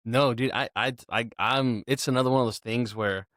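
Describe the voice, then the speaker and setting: A young married man co-hosting a podcast, telling rambling, animated stories in casual chat. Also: mid-range voice, normal speed, dry recording, clean studio sound. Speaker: podcast co-host.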